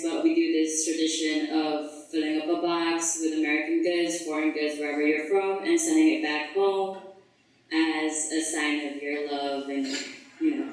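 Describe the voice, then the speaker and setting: Young woman from the philippines, low voice, chatty artist talk, lots of ums, far from the mic in a super echoey room. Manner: relaxed, chatty, many fillers like "um" and "like". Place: gallery event space.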